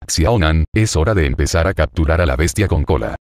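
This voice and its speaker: A man voicing a confident young ninja hero in a web novel reading, relaxed and self-assured. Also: extremely low pitch, brisk, dry recording, studio quality.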